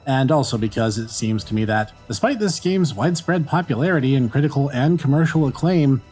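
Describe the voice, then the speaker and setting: A man's voice: medium pitch, animated, fairly quick, a little mellow, breathy edge. Sarcastic man narrating over faint music. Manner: dry, sarcastic. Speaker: video game reviewer and host. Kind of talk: scripted comedic review narration.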